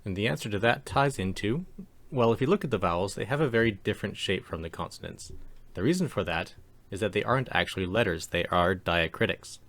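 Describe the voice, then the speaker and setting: A man teaching a language lesson over slides, explaining calmly and slowing down to demonstrate sounds. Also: fairly low pitch. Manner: calm, measured explanation with slow demonstrations of sounds.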